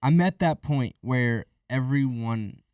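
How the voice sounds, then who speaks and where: A man's voice: medium pitch, slow, darkish tone, clear, resonant tone, no room sound, clean studio sound, distant mic. A man co-hosting a trading podcast, talking candidly and emotionally, repeating himself and swearing freely. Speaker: podcast co-host, forex trader.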